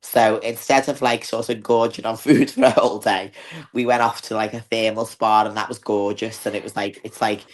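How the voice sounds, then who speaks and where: A bodybuilder from the north of England, a woman with a Liverpool accent, chats casually as an interview guest and fills her talk with "like." Her voice is extremely low with little pitch movement, at a moderate pace.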